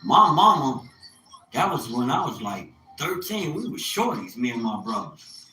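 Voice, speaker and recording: A man in his fifties, a small business owner, talks casually on a livestream in a mid-range, sharp voice that is very animated yet measured in pace. He is colloquial and rambling, often repeating phrases for emphasis, in an echoey room with faint background noise.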